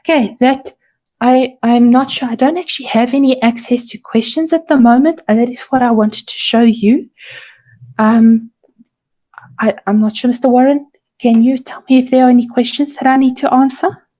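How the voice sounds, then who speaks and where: A woman teacher briefs parents online in a slightly high, mellow voice. Her voice is strained and failing. She explains step by step, pausing to correct herself. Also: steady tone. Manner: careful, repeats and self-corrects while explaining.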